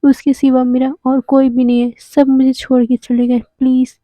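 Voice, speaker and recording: A woman's voice: sits high, completely flat delivery, normal speed, dark tone, no room sound, close to an everyday voice. Woman reading a desperate, pleading young man. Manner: pleading, repeating words.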